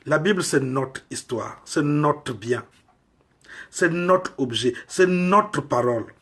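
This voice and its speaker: A man from Congo delivering a slow, emphatic sermon full of rhetorical questions. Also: on the high side, a bit bright, slightly rough. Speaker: preacher.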